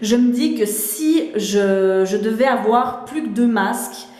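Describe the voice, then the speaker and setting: A woman's voice: fairly high pitch, lively intonation, unhurried, warm tone. A woman with a Swiss French accent chatting casually about her skincare masks, with lots of fillers and restarts. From Switzerland. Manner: chatty, many fillers and restarts, laughs often. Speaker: beauty vlogger. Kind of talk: casual product chat. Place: home bathroom. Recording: echoey room.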